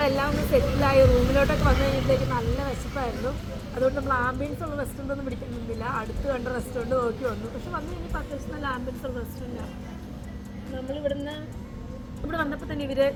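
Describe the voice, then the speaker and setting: High, quick woman over loud music. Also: fairly even intonation. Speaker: travel vlogger. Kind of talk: casual chat to camera.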